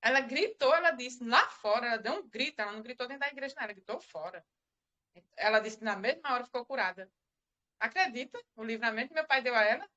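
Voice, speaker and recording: A woman's voice: fairly high pitch, animated, fast, sharp tone, lo-fi sound. A middle-aged woman giving a religious testimony on a live stream, rambling and repeating herself as she tells the story. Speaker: church member giving testimony.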